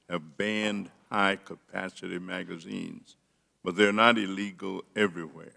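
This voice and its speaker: A man speaking as a politician at a legislative hearing, delivering deliberate, emphatic oratory with dramatic pauses. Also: deep voice, creaky, fairly bright tone. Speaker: politician, member of Congress. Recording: reverberant hearing room.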